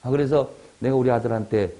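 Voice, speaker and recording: A man's voice: medium pitch, fairly quick, dark tone. A middle-aged man giving an exam-prep lecture, digressing into chatty stories and anecdotes.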